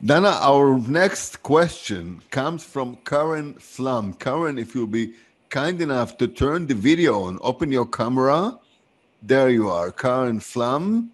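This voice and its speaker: A man hosting a casual video-call interview, halting and repetitive, with a joking streak. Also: mid-range voice, big pitch swings. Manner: halting, repeats himself, jokey. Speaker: interview host.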